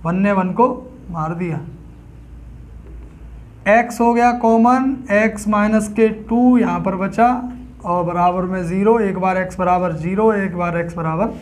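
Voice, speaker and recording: High-pitched math teacher explaining. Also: male voice, unhurried. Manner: explains step by step, asks students questions. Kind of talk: classroom math lesson.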